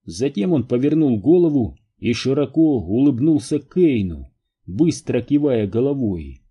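A man narrating an audiobook in a steady, even storytelling manner. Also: mid-range voice, a little slow, slightly rough, highs cut off.

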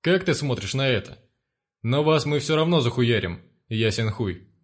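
A man reading aloud, voicing a big, brutal one-eyed male gang leader who swears coarsely and shouts his threats. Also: mid-range voice, animated, normal speed, close to an everyday voice. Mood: mocking menace.

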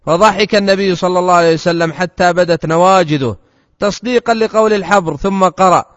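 A man reading a classical religious text aloud to a teacher in steady, formal recitation. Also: high voice, quick pace. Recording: dull recording with long hall reverb.

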